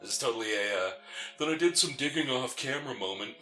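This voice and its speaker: A fast-talking, animated co-host with a medium-pitched, pushed and bright voice banters and teases through a gaming let's play. It's casual chat mixed with game commentary. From a city with mountain family roots, he's recorded with a roomy echo over faint game music.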